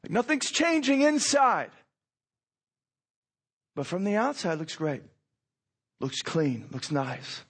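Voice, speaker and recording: A man giving an informal sermon as a pastor, conversational and repeating phrases for emphasis, his voice froggy and hoarse with a cold. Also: sits high, big pitch swings, slow, long pauses, a bit bright. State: hoarse from a cold, clearing throat. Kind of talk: sermon, informal teaching with scripture reading.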